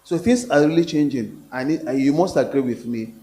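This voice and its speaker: A man's voice: medium pitch, fairly quick, warm tone. A man from Nigeria, a professor speaking at a public forum, earnest and hesitant, with fillers and restarts. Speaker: professor, panel guest.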